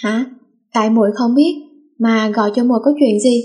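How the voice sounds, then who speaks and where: A woman voicing a pampered, quick-tempered teenage girl in a read-aloud story. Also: on the high side, a little mellow, natural voice. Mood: petulant.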